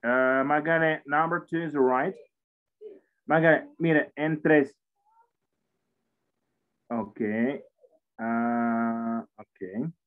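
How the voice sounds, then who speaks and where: The teacher, a man in his forties whose first language isn't Spanish, speaks accented Spanish at medium pitch, very slowly, with frequent pauses and a clear, resonant tone. He runs an English class online from an indoor room, encouraging and patient, often going over things again. Audio comes through a computer mic on a video call, tinny like a phone.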